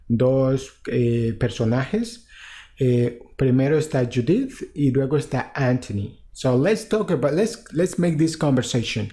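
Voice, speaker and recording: A man gives an English lesson for Spanish speakers, saying English phrases slowly and then explaining them in Spanish. His voice is mellow and medium in pitch.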